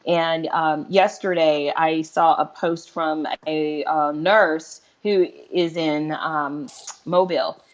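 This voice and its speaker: A woman's voice: low-pitched, takes it slowly, muffled recording. A woman hosting a casual online talk show, talking things through with many restarts. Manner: animated, thinking aloud with many restarts.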